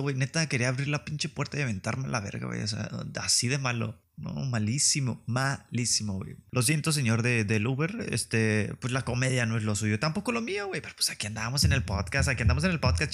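Podcast host, young Mexican man, mid pitch, slangy comic storyteller who acts out the people in his stories. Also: fairly quick, few pauses. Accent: Mexican Spanish. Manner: slangy, profane, animated storytelling with put-on voices. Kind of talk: casual comedic monologue.

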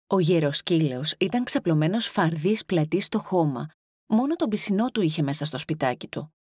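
A woman reads an animal storybook aloud in a low, steady voice. She is expressive and gives each farmyard creature its own voice. The sound is dry and close, with no room around it. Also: breathy edge, no room sound. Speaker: audiobook narrator. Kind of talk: storybook reading.

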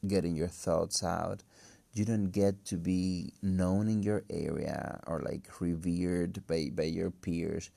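Guy w a cracking voice, second-language english, slow halting podcast ramble, mellow and gravelly. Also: sits low, no room sound. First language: not English. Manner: halting, hesitant, thinking aloud. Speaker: podcast host. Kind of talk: casual solo podcast monologue. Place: empty room. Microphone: phone.

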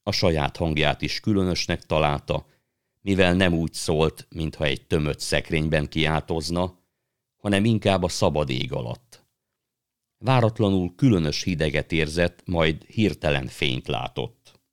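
A man reading a children's fantasy novel aloud in calm, measured storytelling. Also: extremely low pitch, no room sound, studio quality. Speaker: narrator. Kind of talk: audiobook reading.

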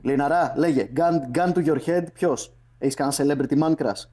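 A man's voice: a little high, a crowd in the background. Laughing young man hosting a chat. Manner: laid-back banter, frequent laughing and swearing. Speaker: podcast host. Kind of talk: casual chat.

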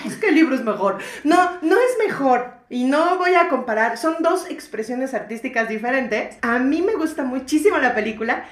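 Slangy, chatty Mexican woman with a high voice. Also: echoey room. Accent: Mexican Spanish. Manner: chatty, slangy and laughing often. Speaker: podcast co-host. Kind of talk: casual chat about books.

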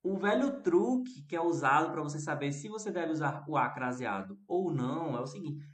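A man's voice: on the high side, expressive, moderate pace, echoey room. A man with a Brazilian Portuguese accent, teaching English on a live stream, explaining step by step, repeating examples and answering viewer comments.

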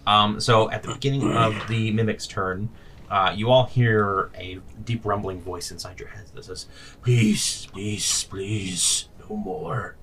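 Game master, male, low voice, casual tabletop narration, slightly off-mic with faint noise. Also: steady tone, moderate pace, a bit bright, distant mic.

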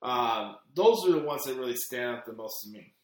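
A Chicago podcast host rambles through listener questions in a casual Q&A, full of fillers and restarts. His middle-pitched voice is expressive, a little mellow and moderately paced, and the very echoey recording sounds like a bare, reflective room.

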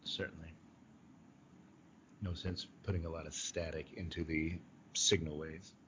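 A man hosting a podcast, speaking in a polite, somewhat formal and measured way. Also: extremely low pitch, level tone, sharp tone. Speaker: podcast host. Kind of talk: conversational interview hosting. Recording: dull lo-fi audio, clear background noise.

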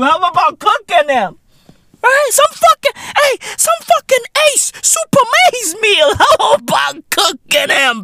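A man from Africa, hosting a podcast in a loud, rambling, profane comedic monologue full of slang and laughter. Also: very high-pitched, creaky, no echo, clean studio sound. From South Africa. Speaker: podcast host.

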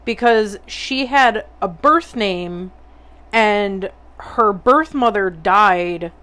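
A woman's voice: medium pitch, sharp tone. Young woman podcast host, laughy and sweary, just chatting casually. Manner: laughing often, swearing, quick asides. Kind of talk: casual chat.

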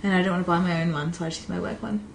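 A woman's voice: fairly low pitch, fairly even intonation, racing, creaky, a little hiss or hum. A woman, a guest on a casual podcast, chatty and fond of saying "like". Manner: chatty, frequent "like".

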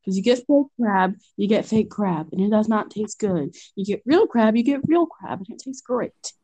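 A woman's voice: medium pitch, lively intonation, moderate pace, mellow, breathy edge, no echo. A young woman co-hosting a casual podcast, telling a rambling story and teasing her friend. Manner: storytelling, teasing, laughs often. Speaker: podcast co-host. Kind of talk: casual chat.

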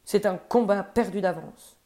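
A woman's voice: mid-range voice, a little slow, warm tone, natural voice. A woman voicing a kind male god who has taken the form of a great eagle, pleading and tender in a storybook reading.

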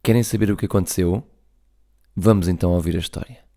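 A man reading a children's story aloud, lively and talking to young listeners. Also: low-pitched, fast talker.

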